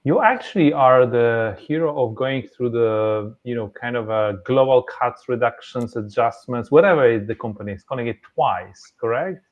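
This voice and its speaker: A man's voice: mid-range voice, normal speed, few pauses, narrow, tinny audio. A man hosting a podcast, speaking in casual conversation and often repeating words as he restarts his sentences. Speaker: podcast host.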